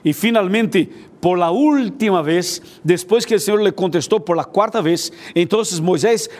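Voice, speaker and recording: A man's voice: high-pitched, a little mellow. A man preaching a sermon, retelling a Bible story and often checking in with his listeners through questions. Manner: repetitive, asks listeners "ok?" and "viste?".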